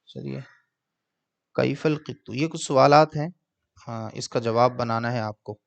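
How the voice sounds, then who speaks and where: A man teaching an Arabic grammar lesson, translating word by word in a slow, patient way. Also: medium pitch, gravelly, highs cut off.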